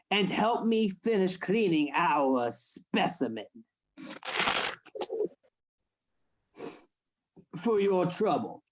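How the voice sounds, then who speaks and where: Here the same kind of role, a controlling, scheming Victorian anatomy assistant in a radio play, is voiced in a coaxing mood. The man's speech is commanding, formal and theatrical, and his pitch is on the high side.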